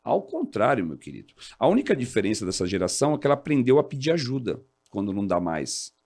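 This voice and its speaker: A man in his forties, a fire department officer, talking as an interview guest in an animated, explanatory way. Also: fast talker. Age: 40s. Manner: animated, explanatory, jumps high when quoting others. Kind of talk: casual interview talk.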